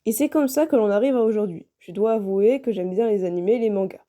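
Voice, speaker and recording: A woman's voice: medium pitch, quick pace, dark tone. A young woman narrating a personal scripted video in French as its creator.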